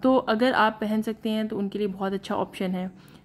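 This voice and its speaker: A woman talks through a shopping vlog in an easygoing, conversational manner, frequently stopping on filler sounds and dropping in English phrases. Her voice sits at a medium pitch.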